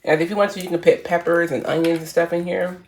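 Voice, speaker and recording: A woman's voice: on the low side, little pitch movement, fast, darkish tone, breathy edge. A woman vlogging in a loose, informal way, talking straight to her viewers from her home kitchen. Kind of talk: casual how-to vlog chat.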